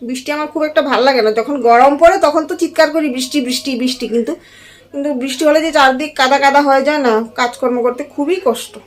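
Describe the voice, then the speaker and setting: A young woman talks through her household chores for a home vlog. Her voice sits high and light, friendly and conversational, and she speaks directly to the people watching. Now and then she slips into soft baby talk for her infant nearby. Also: quick pace. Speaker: vlogger and young mother. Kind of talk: casual home vlog narration to viewers. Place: at home, bedroom and kitchen.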